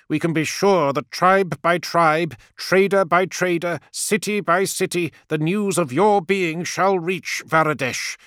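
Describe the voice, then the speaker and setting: A man's voice: fairly high pitch, a bit bright, no echo, studio quality, pitched above the performer's own voice. A male narrator voicing a zealous older priest who speaks in an impassioned, preaching manner. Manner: impassioned, preaching, rising declamation.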